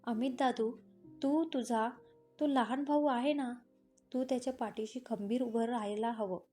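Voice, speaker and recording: A woman's voice: on the high side, steady tone, unhurried, warm tone, faint music behind, close to an everyday voice. A woman reading an indignant young woman. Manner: reproachful, pointed questions. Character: young woman confronting her in-laws, indignant.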